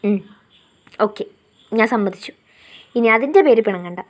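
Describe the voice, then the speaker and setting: A woman reading a story aloud, voicing a young man who is gruff but tender and teases his lover in a low drawl. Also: normal speed, lightly acted. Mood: resigned. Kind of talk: storybook narration.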